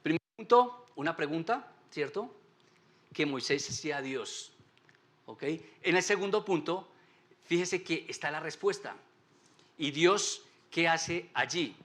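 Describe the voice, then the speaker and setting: Pastor con preguntas retóricas. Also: male voice, on the high side, lively intonation, a little slow, a bit bright. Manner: asks the class rhetorical questions. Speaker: Sunday school teacher. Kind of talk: church Bible teaching. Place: church meeting room.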